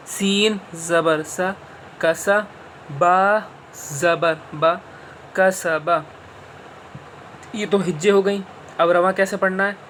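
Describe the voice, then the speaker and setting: A man teaching letter sounds at a very slow, deliberate pace, spelling out each syllable one at a time. He patiently quizzes the listener and repeats himself, his voice sitting a little high for a man. A faint hum of room noise runs under the recording. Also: fairly bright tone. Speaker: Quran reading teacher.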